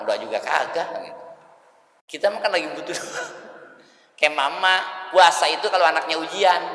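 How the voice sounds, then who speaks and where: A man giving a colloquial mosque sermon, telling lively stories with jokes and slangy asides. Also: fairly high pitch. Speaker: kiai teaching a weekly religious study session. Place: mosque hall. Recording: reverberant mosque hall.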